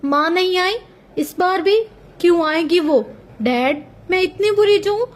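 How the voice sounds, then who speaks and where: A woman voicing a heartbroken young girl who pleads with and accuses her father in a high, raised voice. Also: measured pace. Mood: tearful.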